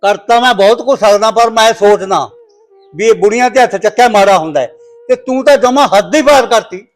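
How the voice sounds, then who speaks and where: A man's voice: sits high, brisk, lightly acted. A man playing a stern wronged father. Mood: reproachful. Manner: scolding, preaching proverbs. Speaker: actor in a short film. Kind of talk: village family drama acting.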